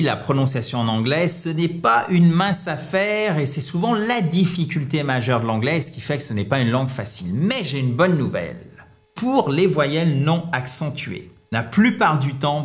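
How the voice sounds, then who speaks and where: A man teaching English pronunciation, explaining in a lively, teasing way and prompting his guests. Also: medium pitch.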